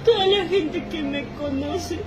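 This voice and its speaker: High-voiced crying woman pleading. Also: a little slow, over a noisy crowd, poor audio. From Peru. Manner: pleading, crying, repeating requests for help. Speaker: mother of a missing girl. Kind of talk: tearful on-site plea to camera. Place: outdoors at night by a river. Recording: music heavily mixed under.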